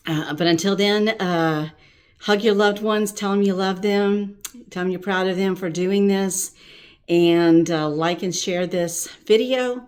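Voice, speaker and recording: A woman with a somewhat low voice talks casually to viewers from her bedroom at home. She rambles warmly with many ums and uhs, urging people on, and sounds slightly out of breath. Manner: chatty, filler-heavy, encouraging. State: slightly winded. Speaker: vlogger. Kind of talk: casual home vlog walkthrough.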